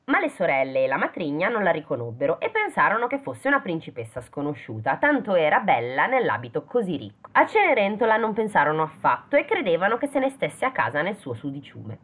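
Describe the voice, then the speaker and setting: A woman's voice: lowish voice, wildly swooping pitch, fairly quick, few pauses, a bit bright. A woman reading a fairy tale aloud in casual chat, stopping often to joke about and question the text. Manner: reads then breaks off to joke and question the text. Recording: phone-like lo-fi audio.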